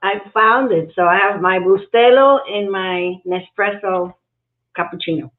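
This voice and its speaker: A woman's voice: mid-range voice, fairly even intonation, unhurried. A woman raised in Cuba and New York City, a guest executive coach speaking thoughtfully on a livestream interview, with many fillers and restarts. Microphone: video call. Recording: echoey, phone-like video call audio.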